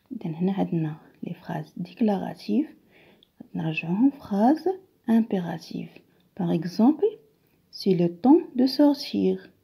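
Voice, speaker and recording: A woman's voice: medium pitch, creaky, dark tone, breathy edge. A woman teaching a grammar lesson, patiently repeating each phrase and often dropping to a whisper. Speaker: primary school teacher. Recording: dull lo-fi recording.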